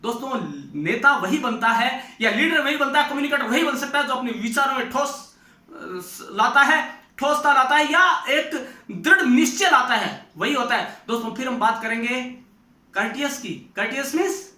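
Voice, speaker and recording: A man's voice: extremely high pitch, moderate pace, sharp tone. A male teacher giving a classroom-style lecture, explaining with examples and calling his listeners friends again and again. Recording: echoey room.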